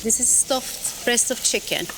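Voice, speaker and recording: A woman's voice: on the high side, measured pace, over loud music, low-quality recording. A middle-aged woman from Iran, a cooking contest contestant, explaining her dish in a friendly way in a studio kitchen. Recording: sizzling kitchen noise behind.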